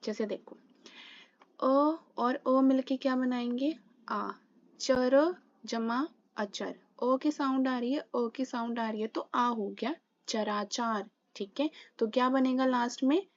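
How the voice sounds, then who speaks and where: Slow, patient woman teaching grammar. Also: high-pitched, no room sound, highs cut off. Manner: drills examples, asks and answers own questions. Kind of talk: exam-prep grammar lesson.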